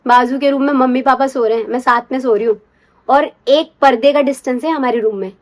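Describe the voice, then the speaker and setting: Young woman storyteller, slightly high voice, chatty and confiding, drops to whispers. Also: brisk. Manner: chatty, confiding, keeps asking "you get it?"; drops to a hushed whisper when acting out secrecy. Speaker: storyteller recalling her first love. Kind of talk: casual personal storytelling.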